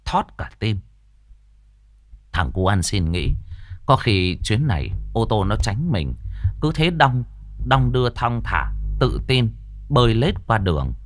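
A man narrates a story in a low voice full of lively rises and falls. His telling is earthy and colorful. The sound is dry and close-miked, with faint music behind. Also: no echo.

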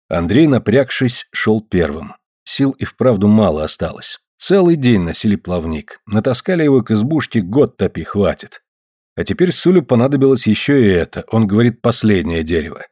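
Here a man with a husky voice narrates an audiobook story expressively, his pitch moving up and down without restraint. His pace is moderate, and the recording is dry and close-up.

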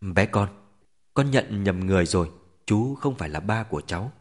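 Male narrator voicing a stern former border commander, low, steady, storybook. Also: a little fast. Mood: gentle. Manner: low, gentle, firm.

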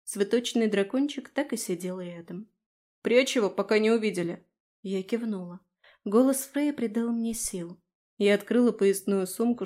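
Mellow-voiced woman narrating a fantasy audiobook. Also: a little high. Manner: expressive, lively storytelling.

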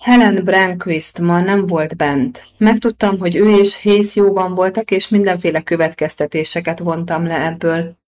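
A woman reading an audiobook voices a male doctor who speaks slowly and apologetically. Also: lowish voice, fairly even intonation, natural voice. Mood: subdued. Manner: slow, subdued and apologetic.

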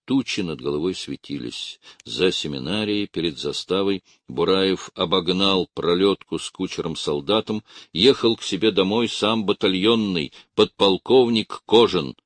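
A man reading a literary audiobook in a measured, unhurried way. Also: low-pitched, no echo. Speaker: audiobook narrator.

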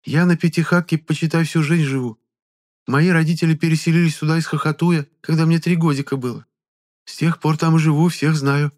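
A man's voice: on the high side, fairly even intonation, brisk, darkish tone, voice pushed up, natural voice. A man voicing a chatty, sly elderly peasant widow who talks in a folksy sing-song.

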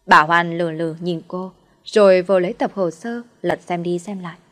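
A woman narrating an audiobook story in a steady, plain storytelling manner. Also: on the low side, normal speed.

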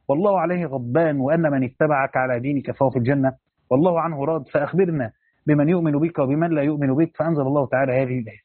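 A man's voice: on the high side, no echo, narrow, tinny audio. A man with an Egyptian accent reading a classical religious commentary aloud and breaking into colloquial asides to explain it. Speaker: teacher reading a Quran commentary.

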